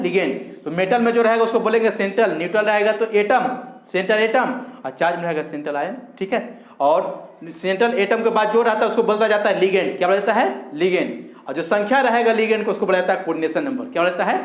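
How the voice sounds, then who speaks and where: A man's voice: high-pitched, roomy sound. A male chemistry teacher giving a lecture, repeating each key term as a question and answering it, and calling his students fondly. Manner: repeats key terms as call-and-response questions; addresses students fondly, drawn-out emphasis. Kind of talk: recorded classroom lecture.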